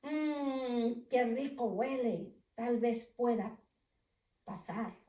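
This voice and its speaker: A smiling, friendly storybook badger who talks slowly and warmly, as a woman reading aloud does it. The room is echoey and the mic is distant. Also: on the high side.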